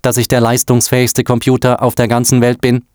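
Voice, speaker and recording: A man's voice: medium pitch, completely flat delivery, fairly quick, a little mellow, no echo, studio quality, voice pushed up, natural voice. A man voicing a touchy, vain male talking computer in a storybook reading, with a sulky, self-important way of speaking. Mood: prim.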